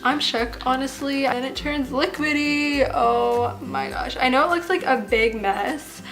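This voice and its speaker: A woman in her late teens speaks in a fairly high voice, with the slight lisp of someone wearing braces. She talks casually and chattily, like a host guiding viewers through a homemade craft. Music plays behind her. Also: a little slow, fairly bright tone. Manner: talking with braces, slightly lisping. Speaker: host of a slime craft channel. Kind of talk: casual chatty DIY tutorial.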